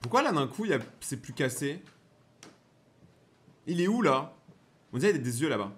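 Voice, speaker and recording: High-pitched, animated young man commenting. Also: normal speed. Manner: slangy, joking, reactive. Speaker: reaction video host. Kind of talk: casual running commentary on horror footage.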